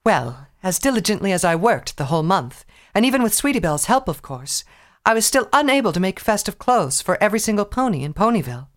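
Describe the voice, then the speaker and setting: A man's voice: high-pitched, very animated, fast, fairly bright tone, pitched above the performer's own voice, exaggerated voice. Man putting on a fancy dramatic pony lady, raised voice, lots of lilt. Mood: refined. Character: posh elegant young pony mare.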